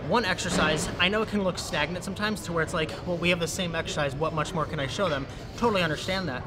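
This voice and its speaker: A young man talks quickly and chattily, walking through his tips step by step. His voice sits a little high for a man, with loud music playing behind him in a big gym. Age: young adult. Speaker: fitness video creator. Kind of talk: casual how-to vlog. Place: large indoor gym. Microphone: camera close up and on tripod.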